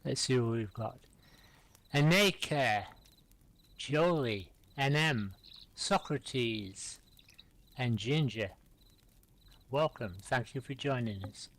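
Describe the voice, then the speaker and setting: A middle-aged man hosting a live-streamed poetry reading, reciting his own rhyming poems aloud and calmly inviting the next reader between them. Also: mid-range voice, takes it slowly, pauses often.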